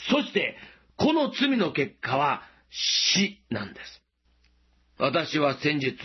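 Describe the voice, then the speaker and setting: A man preaching a sermon as pastor, gently asking listeners questions and slowing down for emphasis, in a dull lo-fi recording. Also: on the high side, slightly rough.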